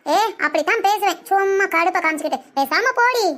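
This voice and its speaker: A woman voicing a sharp-tongued, boastful older aunt in a comedic cartoon, scolding and quick with insults. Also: very high-pitched, expressive. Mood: brash, scolding.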